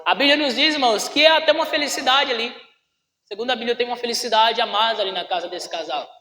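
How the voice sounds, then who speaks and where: A pastor preaches with a very high, bright, forceful voice, calling out to his congregation and asking them questions. The sound is roomy, with a long echo from a church hall. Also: quick pace. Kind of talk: sermon.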